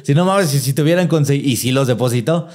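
Mexican dude on a podcast, laid back, tells stories w/ lots of slang, average voice. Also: male voice, medium pitch, brisk, a little mellow. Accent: Mexican Spanish. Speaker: podcast co-host. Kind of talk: casual chat.

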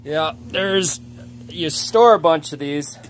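Over loud music, a man in his thirties with a slightly high voice slowly talks about his wood for a casual how-to vlog. He's a chainsaw carver wandering a cluttered workshop and partly outdoor yard in a relaxed, rambling way, holding a phone camera as he films.

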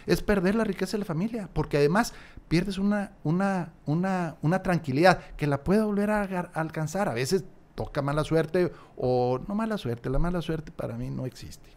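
Here a man with a high but darkish-toned voice talks at a moderate pace. As a guest on a podcast, he speaks at length in a casual interview, dramatizes little dialogues and hammers key phrases by repeating them. He's in a small room using a large studio mic on a stand and headphones.

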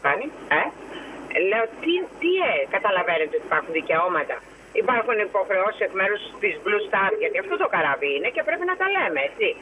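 A woman's voice: medium pitch, sing-song, bright, forceful tone, a little hiss or hum, low-quality recording. A woman phoning in to a show, agitated and indignant as she recounts a complaint. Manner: agitated, indignant, fast retelling with quoted dialogue. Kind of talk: phone-in interview, recounting a complaint.

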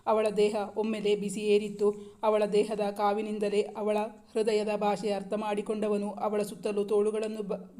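A woman narrating a romance novel in scripted storybook style, with a steady reading. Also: mid-range voice.

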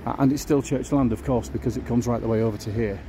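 A man's voice: mid-range voice, fairly even intonation, fast. Chatty man outdoors. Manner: chatty, musing aloud with fillers. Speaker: vlogger giving a walking tour. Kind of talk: casual walking-tour commentary. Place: outdoors on a city street. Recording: outdoor street noise behind.

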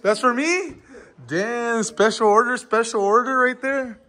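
A man's voice: extremely high pitch, a little slow, pushed and bright. A young man filming a casual road-trip vlog on his phone, loose, profane and joking with friends. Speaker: vlogger. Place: gas station, car and new house. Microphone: handheld phone camera.

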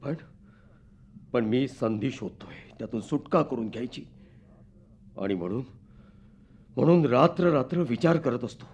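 An actor playing a fiery young revolutionary husband in a radio drama, intense and declamatory, swinging from hushed tones to fervent outbursts. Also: male voice, mid-range voice, unhurried, long pauses. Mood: bitter.

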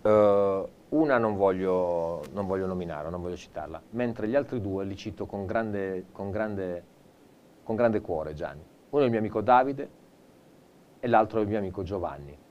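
A male presenter giving a live TV shopping pitch, theatrical and enthusiastic, turning often to an off-screen colleague. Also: moderate pace, a little mellow, muffled recording. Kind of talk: live teleshopping sales pitch.

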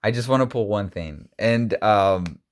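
A man's voice: on the low side, a little slow. A man in his thirties rambles casually while opening card packs, filling gaps with ums and restarting sentences. When something surprises him his voice leaps up. He is recorded indoors on a webcam with a desk mic. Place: indoor room, seen on webcam.

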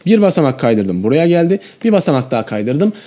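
A man's voice: fairly high pitch, big pitch swings, brisk, dark tone. A man teaching a math lesson, explaining each step and often checking in with the viewer.

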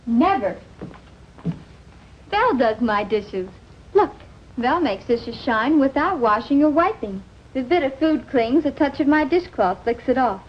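An emphatic, assured housewife in a high voice. She demonstrates and instructs in old commercial style, on a dull soundtrack with faint noise. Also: lively intonation, a little slow. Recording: dull, noisy vintage TV soundtrack.

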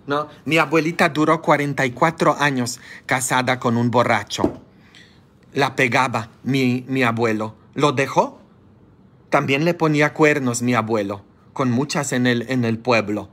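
A man preaching as a priest, scolding his listeners with fervor and breaking into sudden high-pitched outbursts. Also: measured pace, fairly bright tone, a little hiss or hum. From grew up as a child of immigrants. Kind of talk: sermon. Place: church, streamed live.

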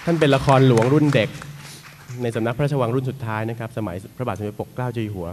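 Male seminar moderator, polite and unhurried, faint hiss behind him. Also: mid-range voice, a crowd in the background. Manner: polite, unhurried, frequent particle "na khrap". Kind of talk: academic seminar talk, introducing panelists.

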